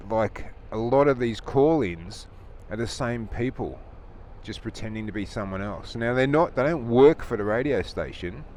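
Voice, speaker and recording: Riding a motorcycle outdoors, a man vlogs from inside his helmet in a rambling, opinionated rant, chuckling and chatty throughout. He sounds animated, with a medium-pitched, darkish voice at a moderate pace. The helmet mic picks up engine and traffic noise.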